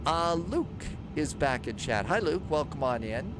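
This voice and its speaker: A man's voice: on the high side, sing-song, measured pace. A man hosting a flight simulator livestream, chatting casually and thinking aloud as he narrates his steps. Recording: clear aircraft engine noise behind. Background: simulator aircraft noise.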